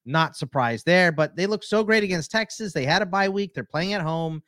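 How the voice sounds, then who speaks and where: A man's voice: sits high, lively intonation, moderate pace, fairly bright tone, dry recording, studio quality. A man hosting a sports podcast, easygoing as he hands off questions and moves to the next game. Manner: easygoing, moves the show along. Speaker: podcast host. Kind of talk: casual sports chat.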